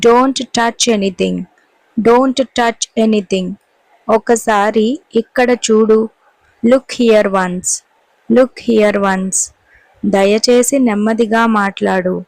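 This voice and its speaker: A woman teacher, reading short English sentences slowly and clearly and repeating each one for learners. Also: a little high, steady tone, darkish tone, dry recording, low-quality recording. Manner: says each Telugu sentence briskly, then repeats the English twice, slow and clear. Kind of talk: language lesson.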